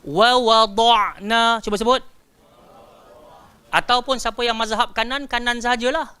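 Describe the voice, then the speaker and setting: A man with a Malaysian Malay accent teaching Quran recitation to a class, drawing words out slowly for pupils to repeat and quizzing them by name. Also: extremely high pitch, steady tone, bright, forceful tone, clean tone. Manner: drills pronunciation, stretching words slowly and asking pupils to repeat.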